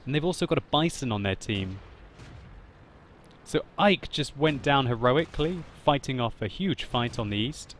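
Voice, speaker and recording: A man narrating his own tank battle gameplay as a voice-over commentary, laughing often and getting loud and excited at big moments. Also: medium pitch, moderate pace, slight background noise. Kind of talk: video game commentary voice-over.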